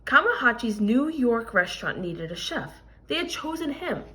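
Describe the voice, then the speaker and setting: A woman with a fairly high voice reads aloud from a children's picture book, deliberately and expressively, like a teacher. She stresses key words and explains things as she goes, and there is slight background noise.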